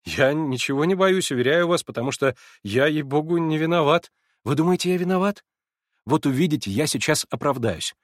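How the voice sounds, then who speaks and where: A man voicing an eager, excitable young man who protests his innocence. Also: a little high, fairly quick, dry recording, studio quality, voice pushed up, natural voice. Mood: flustered.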